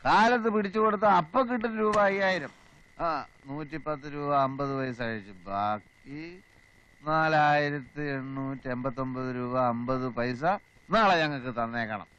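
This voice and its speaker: A man's voice: sits high, very animated, brisk, sharp tone, heavily acted. A cocky petty thief fires back boastful, mocking replies. His voice sits a little above the usual. The sound is slightly dull, with faint film music. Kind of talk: slapstick film comedy.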